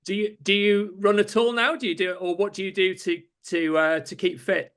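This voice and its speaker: Man interviewing, fairly high voice. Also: fairly even intonation, moderate pace, fairly bright tone, smooth. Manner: friendly, self-deprecating questioning. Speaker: interviewer, athletics journalist. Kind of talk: casual interview conversation.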